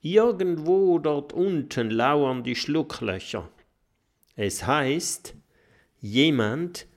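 A man narrating a children's audiobook with expressive storytelling. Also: mid-range voice.

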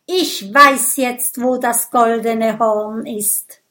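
A woman's voice: a little high, steady tone, very slow, sharp tone, heavily acted. A woman voicing a cheerful little boy dragon in a children's audiobook, eager and confiding.

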